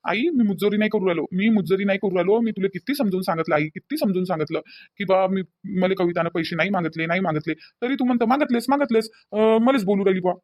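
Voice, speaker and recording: A man's voice: sits high, quick pace, dry recording, clean studio sound, lightly acted. A man voicing a young son in a cartoon who defends himself and apologizes to his mother, with a Varhadi Marathi accent. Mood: defensive. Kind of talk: cartoon voice acting.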